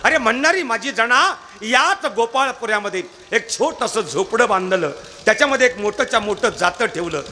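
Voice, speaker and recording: High-voiced man preaching an emotional kirtan. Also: pushed and bright. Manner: emotional, dramatic, calls out to the audience. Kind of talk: devotional kirtan storytelling. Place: live kirtan festival gathering. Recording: noisy live event recording.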